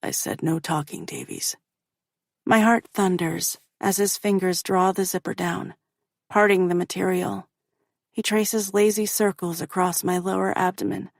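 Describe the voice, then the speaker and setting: A woman reading a first-person romance audiobook in a slow, intimate way. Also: mid-range voice, little pitch movement, creaky, no room sound, studio quality. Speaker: audiobook narrator.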